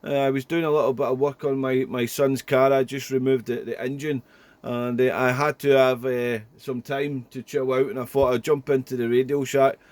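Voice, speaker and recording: Man, medium pitch, casual ham radio operator, repetitive rambling phrases, dry small room. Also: flat delivery, normal speed, darkish tone, no room sound. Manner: rambling, repetitive, often ending phrases with "there".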